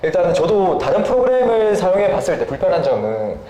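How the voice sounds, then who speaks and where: High-voiced with big pitch swings and a dark tone, the man speaks fast. As an interview guest and software developer, he politely explains a product, humming briefly between phrases; the sound is roomy and echoey with faint noise behind.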